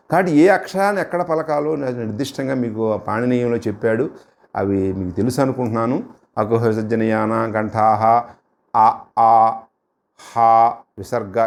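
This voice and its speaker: A middle-aged man with a Telugu accent teaching grammar in a steady, mid-range voice. He drills sounds one by one, stretching each syllable so the class can copy it. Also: mid-range voice. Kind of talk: grammar lesson.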